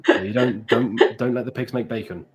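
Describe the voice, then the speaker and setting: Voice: medium pitch, fairly even intonation, fairly quick. A stream co-host giving wry, dry explanations in casual chat.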